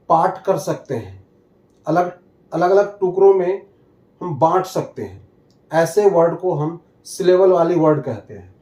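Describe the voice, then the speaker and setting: Male teacher, higher-pitched, mellow tone, very slow and deliberate delivery, echoey room. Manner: slow, deliberate, reads out word lists one by one. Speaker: English teacher. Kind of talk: pronunciation lesson.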